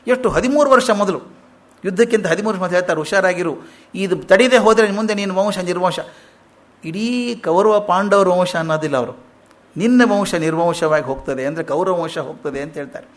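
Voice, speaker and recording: A man giving an animated storytelling discourse on an epic in a lecture hall, emphatic and acting out quotes. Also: high voice, brisk. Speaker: public speaker.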